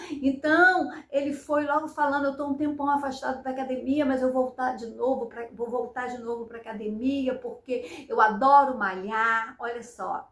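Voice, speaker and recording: A woman speaks straight to her viewers in a casual vlog, her voice high and her delivery emotional, often wavering near tears. She keeps checking in with her listeners with short tag questions as she talks. The sound carries the echo of a bare room. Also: fairly bright tone. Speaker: vlogger. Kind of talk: casual personal storytelling.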